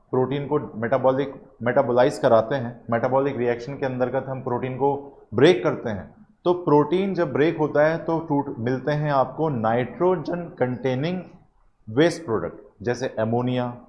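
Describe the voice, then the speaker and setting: A man's voice: mid-range voice, slight background noise. A man teaching a biology class, drilling points through repetition and frequent check-ins with students. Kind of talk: classroom lecture. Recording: slightly dull audio, faint room ambience.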